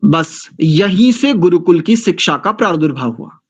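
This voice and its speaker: A man's voice: high voice, expressive, normal speed, breathy edge. A man teaching a scripture class, lecturing in a rhetorical, questioning way. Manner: rhetorical, questioning, acts out quoted excuses. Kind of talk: Hindi religious lecture.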